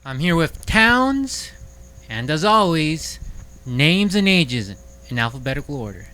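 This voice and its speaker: A man's voice: fairly high pitch, very animated, unhurried, sharp tone. A man hosting a casual chat show in a garage studio, upbeat and teasing as he interviews a band. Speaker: podcast host.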